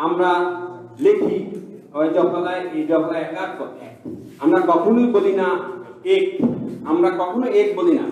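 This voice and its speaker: A man's voice: sits high, darkish tone, dull audio. Male college lecturer, patient step-by-step explainer, heavy room echo. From Bangladesh. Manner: repetitive, explains step by step with questions. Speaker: college teacher. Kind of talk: online class lecture. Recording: very echoey room.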